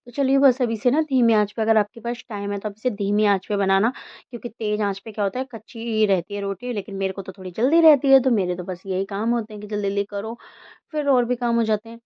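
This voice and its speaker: A woman in her thirties vlogs at home, rambling chattily and with self-deprecation as she shows her day and cooks. Her medium-pitched voice is fast, and the sound is lo-fi.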